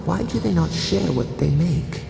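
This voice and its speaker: Over background music, a performer voices an ancient spirit in a video game, speaking as a ghostly echo inside the listener's head. The medium-pitched voice is creaky and gravelly, animated yet cryptic and brooding, delivered solemnly in halting fragments. A long ghostly reverb is applied, heavy under the music.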